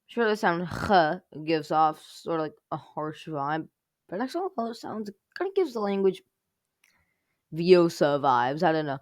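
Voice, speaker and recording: A woman's voice: on the low side, lively intonation, normal speed, no echo, studio quality. A woman hosting a casual language review show, rambling and peppering her talk with "like". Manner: rambling, heavy use of filler "like". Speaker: host.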